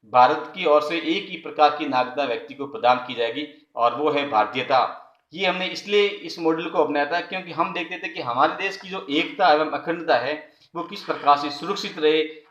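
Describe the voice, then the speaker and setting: A man teaching an online college class, his voice sitting fairly high for a man. He explains step by step, repeats key phrases and fills pauses with "uh". The room around him rings with echo. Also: a bit bright, lo-fi sound. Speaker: college political science lecturer.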